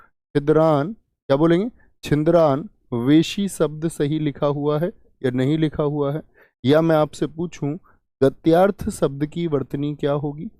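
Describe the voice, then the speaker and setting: A man's voice: a little high, dark tone, no room sound, studio quality. A man teaching Hindi grammar in a live online exam-prep class, asking questions and repeating key words. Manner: asks and answers his own questions, repeats key words.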